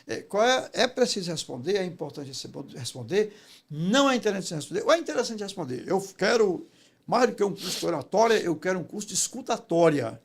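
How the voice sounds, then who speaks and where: This high-pitched man talks a little fast with big swings in pitch. He is a Brazilian public speaking teacher being interviewed, and he tells stories conversationally in an emphatic, teacherly manner, regularly seeking agreement.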